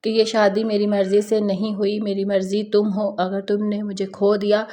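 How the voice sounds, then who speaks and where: A woman's voice: mid-range voice, monotone, mellow, lightly acted. A woman voicing a stern, domineering young male police officer in a narrated story, speaking in a harsh, commanding manner. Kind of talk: scripted narration.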